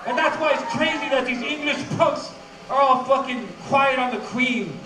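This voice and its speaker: A man in his fifties giving a defiant, profane punk stage speech in a snarling, shouted delivery. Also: very high voice, moderate pace, background noise. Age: 50s. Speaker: punk band frontman addressing the audience. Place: small dark music club stage. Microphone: stage mic, heard through PA from far camera. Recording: echoey live club, far off, music and crowd.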